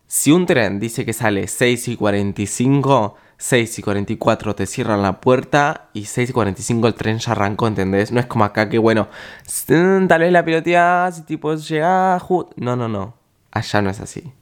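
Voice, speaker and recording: A man's voice: fairly low pitch, steady tone, moderate pace. A young man with an Argentine accent tells a travel story as a podcast host, chatty and slangy, swearing and filling gaps with small words. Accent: Argentine Spanish. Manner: chatty, slangy and profane, with lots of filler words. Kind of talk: casual storytelling monologue.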